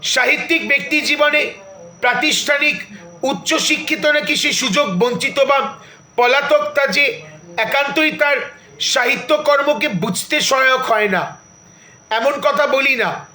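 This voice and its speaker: A man narrating a reflective literary memoir in a measured, bookish storytelling manner, with asides to the listener. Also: very high-pitched, pushed and bright, echoey room, low-quality recording.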